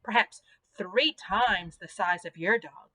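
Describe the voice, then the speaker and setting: A bright-voiced elderly Southern librarian, as a woman reading aloud puts her on, spinning a tale from her past. She speaks in a gentle, drawn-out storytelling way, as in a children's book read aloud. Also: mid-range voice, rough recording.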